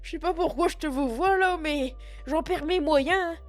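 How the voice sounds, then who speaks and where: A man puts on a scatterbrained sixty-year-old shop clerk who swears freely and sniffles between rambling sentences. The voice sits high, with a put-on Picard and Norman patois accent. It is flustered and self-mocking, spoken into a computer mic at home. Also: normal speed, soft background music. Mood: excited. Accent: put-on Picard and Norman patois mix. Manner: chatty, flustered, self-mocking asides to chat. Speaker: streamer doing roleplay. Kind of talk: live-streamed game roleplay.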